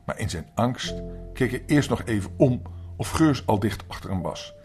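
An older grandfather reads a children's story aloud, expressive and animated. His voice sits low, and soft music plays beneath him. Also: moderate pace. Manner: lively, expressive reading.

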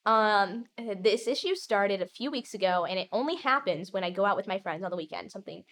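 A woman's voice: mid-range voice, expressive, brisk, fairly bright tone. A young woman co-hosting a podcast in casual comedic chat, teasing and laughing as she reads a letter aloud. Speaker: podcast co-host.

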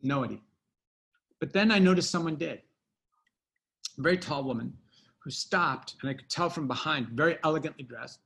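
A man's voice: fairly high pitch, moderate pace, gravelly, pauses often, fairly bright tone. A middle-aged man telling a personal anecdote in a casual interview, rambling with fillers and restarts. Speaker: guest storyteller.

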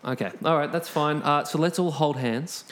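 A man's voice: a little high, normal speed, fairly bright tone, slight background noise. Jokey man, stammering restarts. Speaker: podcast co-host. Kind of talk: casual chat. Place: small makeshift home studio.

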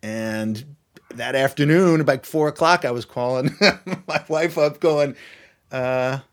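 A middle-aged man, a violinist, telling a story in casual chat, animated and laughing often. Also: fairly high pitch, unhurried. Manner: animated, laughs often, mimics voices in quotes.

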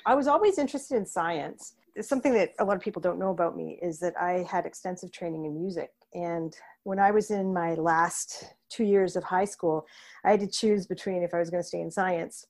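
A woman's voice: fairly low pitch, a little fast, a little mellow. A woman in her thirties from Canada, an associate professor talking steadily and thoughtfully as a podcast guest. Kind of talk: conversational interview.

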